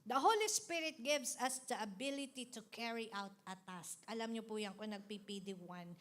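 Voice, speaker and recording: A woman's voice: a little high, lively intonation, normal speed. A woman with a Filipino accent preaching a sermon, emphatic and mixing in English, with lines for the congregation to repeat. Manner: emphatic, rising to loud exhortations.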